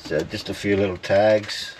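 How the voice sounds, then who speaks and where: A man's voice: on the low side, steady tone, normal speed, noisy background. Australian man explaining boat work. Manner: plain, practical explaining while working. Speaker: boat repairer. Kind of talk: hands-on work demonstration. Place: inside a small boat cabin, bent over a floor hatch.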